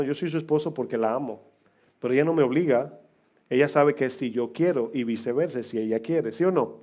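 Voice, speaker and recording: A man's voice: on the high side, darkish tone. A middle-aged man preaching as pastor, chatting with his congregation with humor and questions. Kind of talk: sermon. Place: church.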